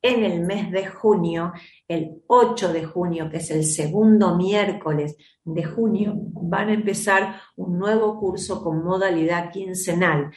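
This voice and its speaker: An Argentine woman hosts a self-help advice show, speaking in a reflective, teacherly manner and often pausing to check in with her audience. Her voice sits somewhat low for a woman. The recording has a roomy, echoey sound. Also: darkish tone. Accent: Argentine Spanish. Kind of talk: advice program talk to listeners.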